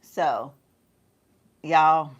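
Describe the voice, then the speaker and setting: A woman's voice: low-pitched, very slow, highs cut off. Chatty woman doing a makeup chat. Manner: chatty, addresses viewers as y'all, laughs often. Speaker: beauty vlogger. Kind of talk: casual get-ready-with-me livestream chat. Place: home.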